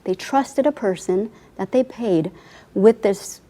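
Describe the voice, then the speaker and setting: Speaking slowly in a warm, mid-range voice, an Afghan-born author in her forties whose first language is Farsi shares her life story during an interview. She's heartfelt and earnest, frequently slipping in "I mean".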